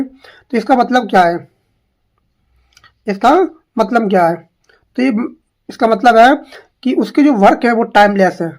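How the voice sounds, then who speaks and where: A woman teaching an exam practice lesson, reading English questions out slowly and then explaining quickly in Hindi, repeating each answer and asking herself questions. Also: on the high side, a little mellow.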